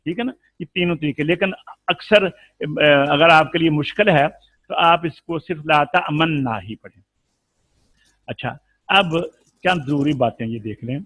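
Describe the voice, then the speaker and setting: A man teaching Quran recitation rules in a live lesson with an Urdu accent, explaining patiently and then chanting the examples slowly. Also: fairly high pitch, a bit bright, dry recording.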